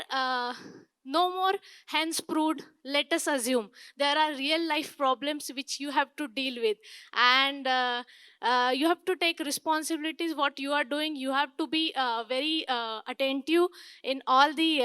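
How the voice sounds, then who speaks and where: A woman in her twenties with an Indian accent giving an informal lightning talk, halting and often repeating herself. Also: high-pitched, bright, forceful tone, no echo. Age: 20s. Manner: halting, with repeated words and self-corrections. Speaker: conference speaker, tech marketing engineer.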